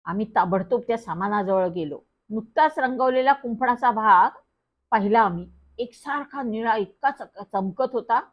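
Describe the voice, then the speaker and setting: Woman storyteller, high voice, lively first-person children's story, dull lo-fi recording. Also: moderate pace.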